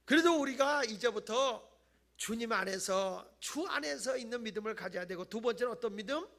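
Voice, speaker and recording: Middle-aged korean pastor man preaching loud and lively, bright sharp gravelly voice, goes up and down a lot. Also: extremely high pitch, normal speed. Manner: animated, acts out voices of people he tells about, mock-whines and shouts. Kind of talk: Friday night revival sermon. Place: church sanctuary.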